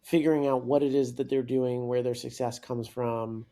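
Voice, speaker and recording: Gravelly man telling a lively story. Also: mid-range voice, moderate pace. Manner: animated, restarts sentences often. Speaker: guest, startup coach and author. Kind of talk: conversational podcast storytelling.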